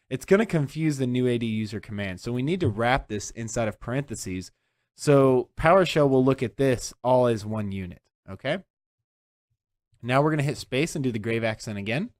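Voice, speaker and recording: A man walking through a software tutorial step by step, often checking in with "okay?". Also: medium pitch, dry recording, studio quality. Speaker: tech instructor. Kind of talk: screen-recorded software tutorial.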